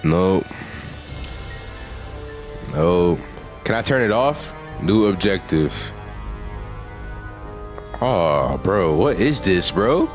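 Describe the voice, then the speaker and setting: A man giving casual, slangy gameplay commentary, reacting out loud in an animated way. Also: sits low, drawn-out words, pauses often, faint music behind. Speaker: gaming video creator.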